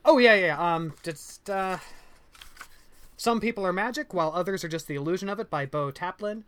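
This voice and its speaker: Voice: medium pitch, a little fast, a bit bright, clean tone. A co-host of a casual book discussion podcast who talks loosely and bluntly, with casual swearing and frequent fillers. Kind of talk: casual chat.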